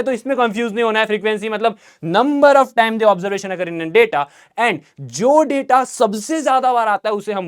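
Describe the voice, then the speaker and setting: Lively, high-voiced Indian maths teacher. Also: male voice. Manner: energetic, chatty, repeats key questions and answers them himself. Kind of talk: online revision lesson.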